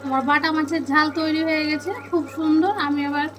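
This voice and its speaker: A woman narrating a cooking video step by step, calmly addressing viewers as friends. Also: high voice, quick pace, faint music behind. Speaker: cooking channel host.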